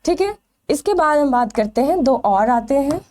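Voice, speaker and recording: A woman's voice: sits high, animated, normal speed, a little mellow. A woman teaching a biology exam-prep lecture. She asks questions and answers them herself, stretching out the key terms.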